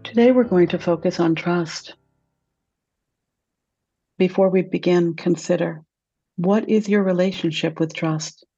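A woman leading a guided meditation, speaking slowly and softly with long, calm pauses. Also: lowish voice, husky, no room sound, muffled recording, soft background music. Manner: slow, soft and soothing, with long pauses.

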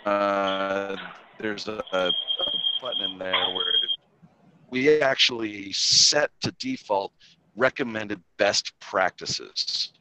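A man explaining software settings on a web call, his audio choppy and cutting out. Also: on the low side, slow pace, heavy background noise. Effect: choppy, glitchy audio cutting out. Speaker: product specialist. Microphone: online call microphone.

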